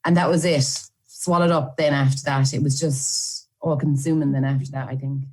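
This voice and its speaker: Irish woman rambling through her memories for a documentary, deep-ish voice, lots of likes and ums. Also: steady tone, moderate pace, a little mellow. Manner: chatty, run-on storytelling with fillers. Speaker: aid volunteer. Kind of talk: documentary interview recollection.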